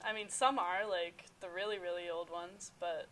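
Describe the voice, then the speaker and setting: A woman's voice: on the low side, fairly even intonation, normal speed, fairly bright tone, a little hiss or hum, rough recording. A young woman of eighteen, a college freshman giving thoughtful interview answers with many "um"s.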